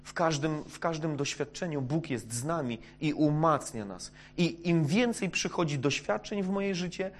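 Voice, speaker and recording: A man preaching a sermon, hesitant with many fillers, dropping to a hush and then rising loud. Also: a little high, animated, normal speed, few pauses.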